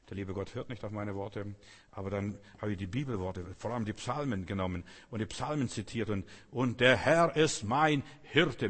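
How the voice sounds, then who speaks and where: Guy preaching, husky, keeps repeating himself for emphasis, big reverby hall. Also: lowish voice. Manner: emphatic, repetitive preaching, mimics complaining voices. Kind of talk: sermon.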